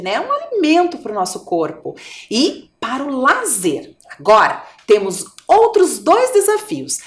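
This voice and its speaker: A woman's voice: a little high, echoey room. A woman with a Brazilian Portuguese accent, teaching a video lesson to young children and coaxing them with questions. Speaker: primary school teacher.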